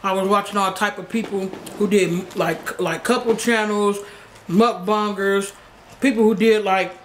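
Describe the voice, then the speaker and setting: Sitting in a small living room, this YouTuber, a young adult, fields questions casually with blunt slang. His voice is medium-pitched, steady, and fairly bright, a little slow, and the room audio carries background noise.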